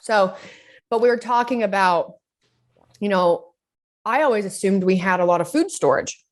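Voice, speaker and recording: A woman's voice: mid-range voice, expressive, normal speed. A woman from Utah co-hosting a podcast, telling rambling stories full of fillers and bursts of laughter. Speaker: podcast co-host. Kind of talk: casual chat.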